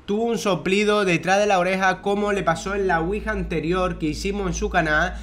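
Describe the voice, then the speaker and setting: A young man from Spain tells the story in a rush, swearing freely and repeating himself. His voice sits high for a man, and his casual commentary feels breathless with excitement. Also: brisk, slight background noise. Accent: Spain Spanish. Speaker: youtuber narrating a replay.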